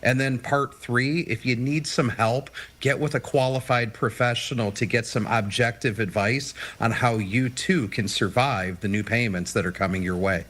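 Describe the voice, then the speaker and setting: A man speaks as a financial planner guest in a television interview, explaining in an emphatic, upbeat way. His voice sits at an ordinary middle pitch. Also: steady tone, normal speed, few pauses, a bit bright. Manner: emphatic, upbeat advice-giving. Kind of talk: TV news interview. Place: TV studio or remote video link.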